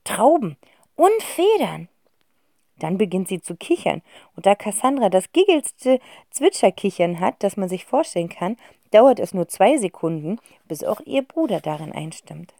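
Lively woman reading a children's audiobook. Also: medium pitch, normal speed, no echo, clean studio sound. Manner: lively, expressive storytelling. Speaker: narrator.

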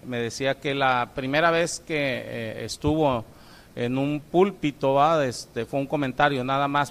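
A middle-aged Mexican pastor with a gravelly voice speaks to his congregation in a loose, informal way. He hesitates often, fills gaps with drawn-out sounds and keeps checking in with tag questions. His pitch sits in an ordinary middle range. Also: a bit bright. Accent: Mexican Spanish. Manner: halting, many fillers and tag questions. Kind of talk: informal church talk.

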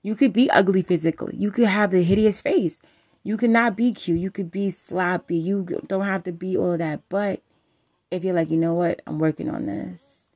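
A woman with a medium-pitched, darkish, steady voice hosts a podcast about relationships, speaking at a moderate pace. She's candid and rambling, swears freely, and fills her speech with "like."

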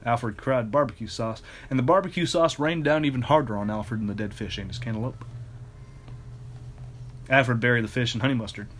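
Male host, deadpan comic read-aloud, mid-pitched everyday voice, casual and loose. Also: a little fast, a little hiss or hum. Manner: deadpan reading broken by laughter. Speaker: host reading fan fiction aloud. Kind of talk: casual comedic reading.

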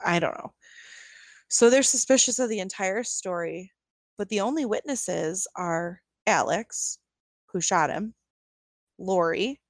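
A woman's voice: mid-range voice, measured pace, long pauses, dry recording. A young adult woman co-hosting a podcast, telling a true-crime story casually with lots of fillers and incredulous asides. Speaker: podcast co-host.

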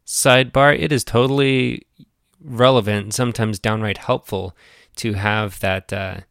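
A man hosting an interview, asking gentle, halting questions with plenty of fillers. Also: medium pitch, steady tone, gravelly, clean tone, no room sound, studio quality. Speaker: interviewer host. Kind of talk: podcast interview.

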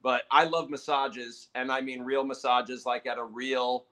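A man's voice: mid-range voice, fairly even intonation, a little slow, fairly bright tone. A man co-hosting a podcast in casual, conversational talk with a friend. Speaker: podcast co-host, real estate agent.

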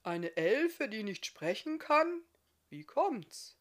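A woman voicing a big, gruff, half-deaf male blacksmith who shouts in a booming voice. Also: a little slow, natural voice.

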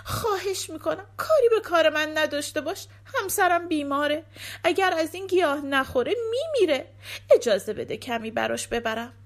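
A woman's voice: high-pitched, lively intonation, pitched above the performer's own voice. A woman voicing a frightened young husband in a storybook reading, pleading and tearful.

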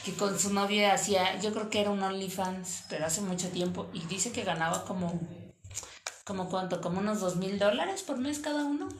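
A woman's voice: mid-range voice, moderate pace, a little hiss or hum. A Mexican woman co-hosting a podcast, telling stories and joking in slangy casual chat. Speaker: podcast co-host. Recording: echoey room.

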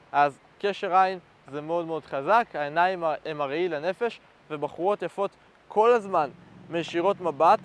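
A man with a notably high voice coaches viewers as he looks straight into the camera. His delivery is direct and instructive, and he often breaks off to check that the listener is following. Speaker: dating coach. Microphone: facing the camera.

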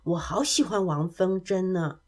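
A woman voicing a bashful but kind little boy who talks eagerly and excitably. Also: on the low side, measured pace, pitched below the performer's own voice. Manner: eager, excitable, gently shy.

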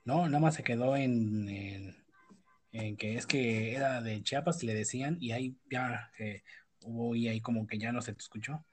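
A male host asks a guest questions in a quiet, soft-spoken way. His voice is husky and breathy. He sits at an ordinary middle pitch. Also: moderate pace. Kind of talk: casual talk show questions.

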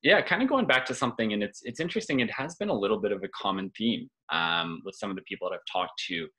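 A man's voice: on the low side, expressive, fast, pushed and bright, rough recording. A man hosting a podcast, asking friendly, rambling questions full of "you know" and "like". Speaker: podcast host. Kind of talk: casual interview chat.

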